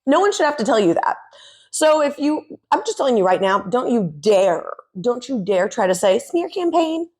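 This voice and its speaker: A woman rants through an opinionated commentary, exasperated and openly sarcastic. Her voice sits a little high for a woman. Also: lively intonation, moderate pace. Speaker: commentary vlogger.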